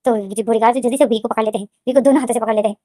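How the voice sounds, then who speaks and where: A woman retelling a fan fiction story in a casual, fast, repetitive way, often restarting her sentences. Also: fairly high pitch, steady tone, mellow, no echo, clean studio sound.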